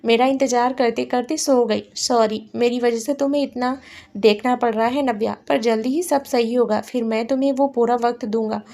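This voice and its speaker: Woman doing a calm determined young man, storybook romance, high light voice. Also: normal speed, lightly acted. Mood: tender.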